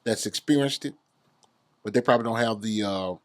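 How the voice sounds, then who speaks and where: A man hosts a podcast interview. He chimes in often and repeats his guest's words back with eager agreement. His voice sits a little low and sounds dry and close. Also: brisk, dry recording. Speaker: host.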